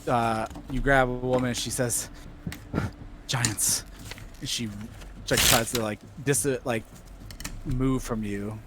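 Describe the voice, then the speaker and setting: A man acting as game master, improvising narration for a tabletop game and often pausing mid-phrase. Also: mid-range voice, fairly even intonation, heavy background noise.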